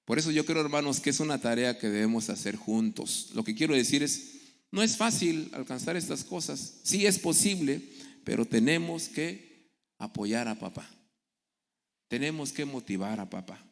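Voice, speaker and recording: A man's voice: mid-range voice, lively intonation, normal speed. A middle-aged man preaching a sermon, telling stories and acting out the people in them. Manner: storytelling, acting out quoted voices. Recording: echoey hall with long reverb.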